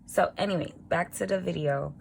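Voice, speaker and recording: A woman with a raspy early-morning voice, chatting informally as a vlogger while she writes out a budget. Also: on the low side, normal speed, slight background noise. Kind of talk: casual budgeting vlog narration.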